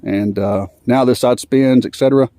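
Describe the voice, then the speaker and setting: A man's voice: medium pitch, fairly even intonation, moderate pace, mellow, no echo. Winded man talking while he works. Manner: rambling, filler-heavy, laid-back. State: out of breath. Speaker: vlogger fixing an old truck. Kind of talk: casual working commentary.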